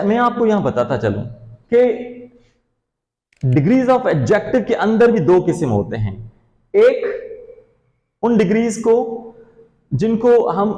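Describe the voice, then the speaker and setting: A man's voice: sits high, warm tone. A man teaching a grammar lesson, asking questions and answering them himself, addressing students as his children and friends. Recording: echoey room with long reverb.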